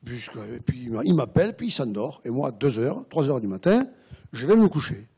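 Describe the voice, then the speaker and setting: A man retelling a worried middle-aged wife's words in his own low voice, confiding and halting, often repeating himself. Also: very animated, warm tone, slightly rough, dull audio, full character voice. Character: worried middle-aged wife, drinking patient.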